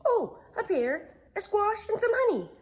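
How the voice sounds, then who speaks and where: A woman voicing a brisk, eager little male gopher in a storybook, with punchy delivery. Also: extremely high pitch, big pitch swings, pitched above the performer's own voice, heavily acted. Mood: cheerful.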